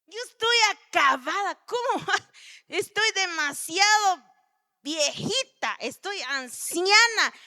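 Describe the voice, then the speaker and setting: A woman's voice: very high-pitched, animated, pushed and bright, voice pushed up, exaggerated voice. Incredulous old woman, as a woman preacher puts her on. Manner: exclaiming, rapid disbelieving questions. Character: elderly woman, incredulous and self-mocking about her age.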